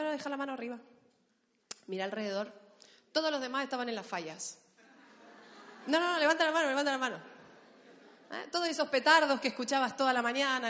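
Argentine lady pastor, kinda high voice, playful sermon, echoing church hall. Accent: Argentine Spanish. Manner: lively, playful, addresses the congregation directly.

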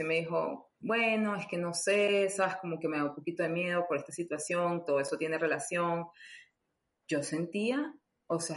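A woman telling a personal story, chatty, with many fillers and acted-out dialogue. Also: low-pitched. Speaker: guest. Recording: roomy echo.

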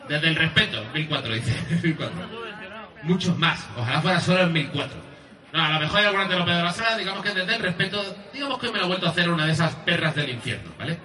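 A man's voice: high-pitched, animated, a little fast, bright, forceful tone, echoey room, distant mic. A man from Andalusia with an Andalusian accent doing a rambling, crude, self-mocking stand-up routine. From Andalusia, Spain. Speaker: stand-up comedian. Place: live comedy venue. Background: audience laughter and applause.

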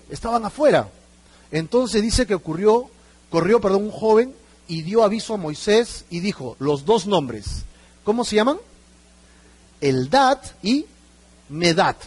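A man preaching a sermon to his church, animated and acting out little exchanges between church members. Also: sits high, slightly rough. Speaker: pastor.

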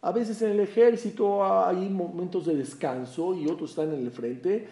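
A man teaching a Torah class in Spanish, telling stories and acting out the dialogue with lively shifts in tone. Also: sits high, normal speed, noisy background. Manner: animated storyteller who acts out dialogue. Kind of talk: religious class with storytelling.

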